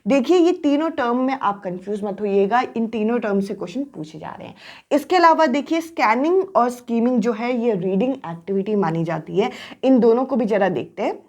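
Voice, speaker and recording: A woman's voice: a little high, lively intonation, a little fast, muffled recording. A young woman teaching an exam-prep lesson, explaining terms step by step and often saying "dekhiye" to draw attention. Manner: repetitive, frequent "to dekhiye" prompts.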